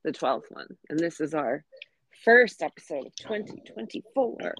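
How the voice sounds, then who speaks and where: A woman's voice: sits low, lively intonation, moderate pace, slightly rough, no room sound, poor audio. A woman in her forties co-hosting a podcast in casual chat, talking freely with fillers and easy laughs. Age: 40s. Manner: chatty, laughs easily, many fillers. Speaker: podcast co-host.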